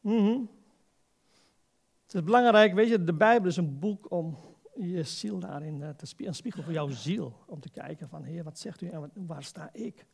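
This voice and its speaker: Guy preaching a casual sermon, bit high pitched w lots of fry, keeps asking the congregation questions. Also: moderate pace. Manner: exhorting, puts rhetorical questions to listeners. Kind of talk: informal, conversational sermon.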